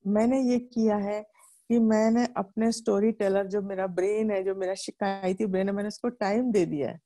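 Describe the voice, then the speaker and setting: A woman's voice: mid-range voice, steady tone, moderate pace, warm tone. A middle-aged Indian woman explaining a self-help book to her viewers in a chatty way, asking and answering her own questions.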